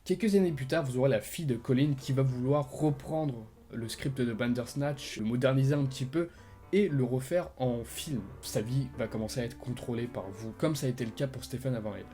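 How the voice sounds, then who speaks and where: A man retelling the endings of an interactive film in a casual, animated way, full of fillers and sound words like "bam". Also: medium pitch, a little fast, soft background music. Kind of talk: casual explainer narration.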